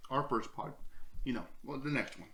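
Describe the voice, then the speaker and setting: A man's voice: mid-range voice, expressive, moderate pace, fairly bright tone. A man hosting a casual podcast, talking in a loose, rambling way with many restarts. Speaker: podcast host. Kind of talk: casual chat.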